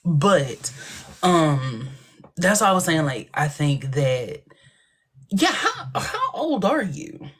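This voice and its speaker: Slow and sing-song, this thirty-something livestream host has a low voice that's a bit bright with a breathy edge. She chats casually with viewers and a guest, using playful, affectionate slang.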